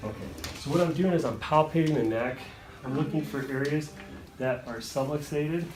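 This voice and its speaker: A chiropractor with a voice on the high side talks at a moderate pace, casually guiding a patient through a hands-on adjustment with short, reassuring instructions. The room is echoey, the mic distant, and music plays behind him.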